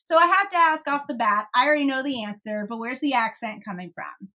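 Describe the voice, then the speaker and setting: A woman's voice: high voice, lively intonation, fairly quick, sharp tone. A woman from the United States hosting a business podcast, chatty and upbeat, with frequent laughter. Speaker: podcast host. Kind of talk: casual podcast chat.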